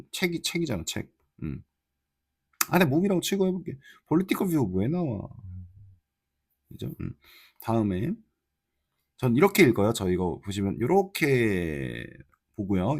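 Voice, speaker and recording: A man's voice: fairly low pitch, a little mellow, breathy edge, no echo. Korean guy tutoring english, dry close sound, keeps asking "got it?". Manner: talks to students, checks in with frequent tag questions; mixes Korean explanation with read-out English lines. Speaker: English teacher. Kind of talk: casual exam-prep lecture.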